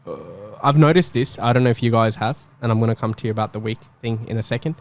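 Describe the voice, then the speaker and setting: A man hosting a casual panel chat, talking in quick, animated bursts. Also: mid-range voice. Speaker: podcast host.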